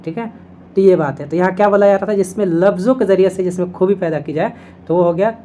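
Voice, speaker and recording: Steady lower-voiced woman teaching. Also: fast, slight background noise. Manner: explains step by step, often checking in with "theek hai". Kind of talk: exam-prep video lesson.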